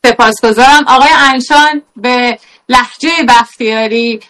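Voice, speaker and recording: A woman's voice: on the high side, fairly bright tone, poor audio. A woman hosting and moderating a panel on a television talk show.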